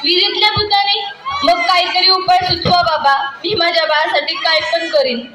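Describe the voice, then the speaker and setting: A woman's voice: very high-pitched, fairly even intonation, moderate pace, a crowd in the background. A woman playing an anxious young village mother who pleads and cries in a drama. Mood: pleading. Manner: pleading, crying. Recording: echoey room, distant mic, noisy.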